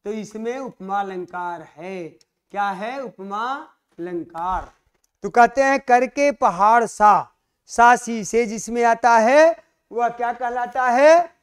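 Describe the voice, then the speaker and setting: Male Hindi teacher for an exam-prep lesson, very high pitch, smooth clear tone, asks and answers his own questions, reads verse slowly. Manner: addresses students fondly, asks questions and answers them.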